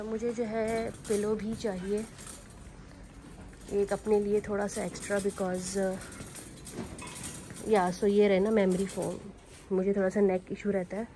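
A young woman talks through her shopping in a relaxed, chatty vlog, switching between Hindi and English. Her voice is mellow and warm. It is caught on a phone held at arm's length inside a big store, with faint noise behind her. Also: mid-range voice, gravelly, poor audio. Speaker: vlogger. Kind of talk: casual vlog chat. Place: large indoor store.

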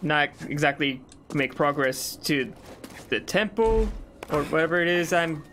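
A man's voice: fairly high pitch, a little slow, a little hiss or hum. A young man casually commenting on his own gameplay, talking to himself as he plays. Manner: relaxed, talks to himself as he plays. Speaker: gaming channel host. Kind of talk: casual let's-play commentary. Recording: game music under the voice. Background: game music.

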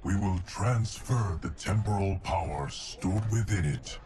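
A deep, solemn guardian of time. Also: male voice, dark tone, slight background noise. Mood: solemn, reassuring. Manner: measured, formal, grave. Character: calm, solemn immortal male guardian of time. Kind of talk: video game cutscene acting. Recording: music under the voice.

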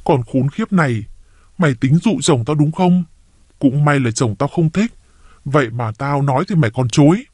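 A man reading a story aloud, voicing an enraged jealous wife who hisses and shouts her accusations. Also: a little high, lively intonation, normal speed, no room sound, clean studio sound. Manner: hissing, enraged.

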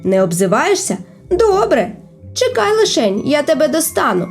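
Storybook wolf, male, hungry and furious, shouting threats, acted by a woman. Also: high-pitched, big pitch swings, moderate pace, soft background music, voice pushed up. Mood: threatening.

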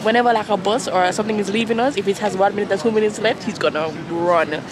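Casual female travel vlogger, Jamaican accent, slightly low pitch, recorded in a noisy airport terminal. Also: quick pace. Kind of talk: casual vlog chat. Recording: loud terminal noise behind.

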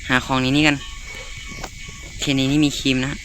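A man giving excited, chatty commentary to his viewers as he plays a horror game. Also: moderate pace, faint music behind. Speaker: gaming YouTuber. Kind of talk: live gameplay commentary.

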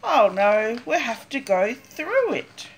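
Slow, lively grandmotherly woman storyteller. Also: a little high, slight background noise, poor audio. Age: older. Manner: grandmotherly, deliberate and sing-song, dramatic emphasis. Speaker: storyteller reading a picture book aloud. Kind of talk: expressive read-aloud for young children. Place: small cluttered room at home, indoors.

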